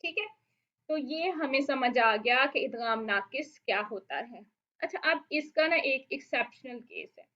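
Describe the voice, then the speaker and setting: A woman teaching Quran recitation rules, patiently explaining and asking questions she then answers herself, with slow drawn-out recited verses. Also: high-pitched, animated. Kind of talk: online tajweed lesson. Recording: dull lo-fi audio.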